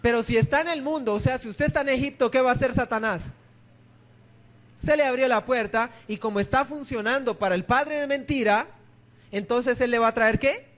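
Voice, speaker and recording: High-voiced man preaching a sermon. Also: brisk, fairly bright tone. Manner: asks the congregation questions and answers them himself. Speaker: pastor. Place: church.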